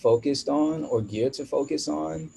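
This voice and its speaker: A man's voice: a little high, unhurried, vocal fry, dark tone, a little hiss or hum, rough recording. A man from the US East Coast, a guest musician in a casual podcast chat, rambling and searching for words with many restarts.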